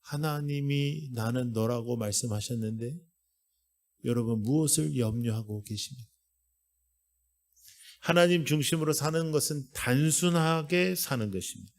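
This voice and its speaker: Middle-aged guy pastor giving a lively revival sermon in church, jumps around in pitch, gets the crowd to repeat after him. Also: a little slow. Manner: animated, acts out voices, calls for congregation to repeat. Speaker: guest pastor. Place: church sanctuary.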